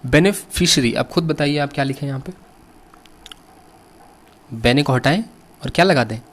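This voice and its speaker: A man's voice: mid-range voice, a bit bright. A middle-aged man with an Indian accent teaching an English vocabulary lesson, spelling words letter by letter and asking his students questions. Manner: slow, patient, asks students questions.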